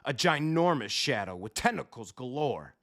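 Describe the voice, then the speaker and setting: A man narrating a children's picture book in an expressive, emphatic storytelling style. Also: mid-range voice, moderate pace. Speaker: storybook reader, coach.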